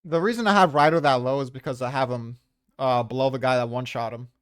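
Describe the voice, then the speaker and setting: Defending his manga rankings, a tier list creator talks quickly and smoothly in a medium-pitched voice. The dry, clean studio recording catches his informal, curse-laden style in this casual debate.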